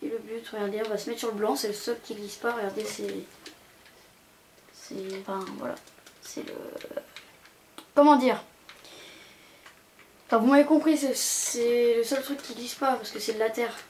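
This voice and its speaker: On the high side but with a steady, darkish tone, a young woman gaming channel host rambles hesitantly and casually as she tours a video game. She speaks at a normal speed with long pauses, in an amateur home recording with background noise.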